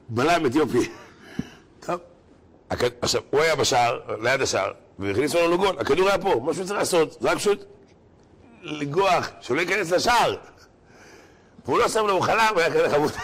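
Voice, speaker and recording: A man giving a sermon to a crowd, telling joke stories and acting out the characters in them. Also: a little high. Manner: animated storyteller, acting out characters. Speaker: religious lecturer.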